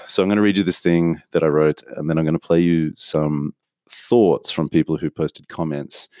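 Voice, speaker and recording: Male podcast host, very low voice, dry close sound, candid rambling monologue. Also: dark tone, dry recording. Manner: rambling, candid, self-interrupting with restarts. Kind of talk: casual solo podcast monologue.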